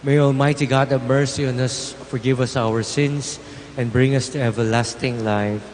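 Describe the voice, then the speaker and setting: Priest with a cathedral echo. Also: male voice, mid-range voice, steady tone, darkish tone. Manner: solemn, measured liturgical recitation. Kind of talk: leading Mass prayers. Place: large basilica church. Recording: long church reverb, faint background noise.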